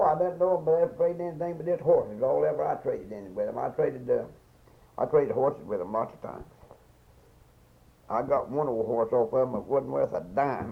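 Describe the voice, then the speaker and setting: Creaky-voiced very old Appalachian man reminiscing. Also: medium pitch, brisk. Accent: Southern Appalachian. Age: elderly. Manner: folksy, rambling and repetitive, like a very old man reminiscing. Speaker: interviewee recalling local past. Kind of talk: informal oral-history storytelling. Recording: dull, muffled field recording.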